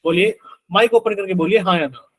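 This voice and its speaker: A man with a high voice teaches a live online math lesson. He works through the problem step by step and keeps stopping to ask the students whether it is clear. It sounds like a video-call class. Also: fairly quick, fairly bright tone, poor audio.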